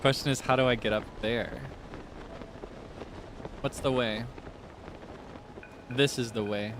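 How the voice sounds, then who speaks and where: A man's voice: mid-range voice, steady tone, slow pace, noisy background. A man livestreaming a game, chatting casually and playfully with his viewers. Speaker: livestreamer, VTuber. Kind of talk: casual gaming livestream chat. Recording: music behind the voice. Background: game music.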